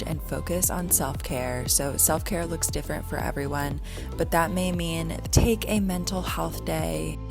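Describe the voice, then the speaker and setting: A woman's voice: deep voice, gravelly. A woman talking in a chatty, informal way, like a lifestyle vlogger sharing her day and tips. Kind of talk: casual vlog chat and tips to camera. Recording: music behind the voice. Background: background music.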